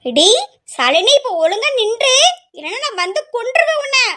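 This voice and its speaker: Woman doing a cheeky teen girl, squeaky high pitch, bright, teasing and bickering, amateur audio drama. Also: very animated, moderate pace, full character voice. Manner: teasing, bickering, playful threats.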